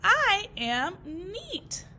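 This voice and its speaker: A woman's voice: high voice, very slow, sharp tone, exaggerated voice. Woman voicing Walt, a puzzled little grass blade. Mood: pleased. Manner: puzzled, searching. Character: small worried grass blade, young male.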